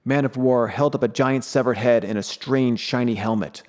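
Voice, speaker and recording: A man giving scripted audiobook narration with a steady storytelling delivery. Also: mid-range voice, moderate pace.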